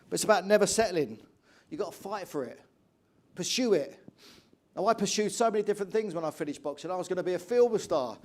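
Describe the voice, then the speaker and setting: A middle-aged English man giving an energetic motivational keynote speech, telling stories and asking the audience questions. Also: sits high. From England. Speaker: motivational speaker.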